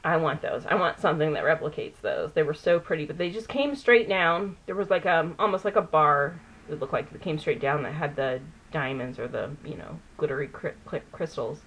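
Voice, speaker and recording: Low-voiced chatty woman doing her makeup. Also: expressive, a little fast, fairly bright tone, slightly rough. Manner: rambling, chatty, loses words mid-sentence. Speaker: beauty vlogger. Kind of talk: chatty get-ready-with-me.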